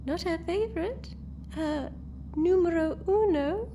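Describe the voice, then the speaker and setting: This fan audio drama clip has a woman voicing a female time-traveller villain who cruelly mocks and taunts her captives, sing-song and theatrical. She speaks slowly in a very high-pitched voice with a dark tone, over slight background noise.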